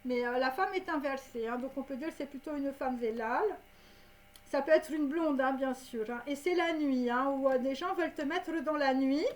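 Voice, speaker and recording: A woman's voice: high-pitched, moderate pace. A woman giving a rambling tarot reading, full of fillers and asides. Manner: rambling, many fillers and "hein". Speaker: tarot card reader. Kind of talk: casual tarot reading to camera.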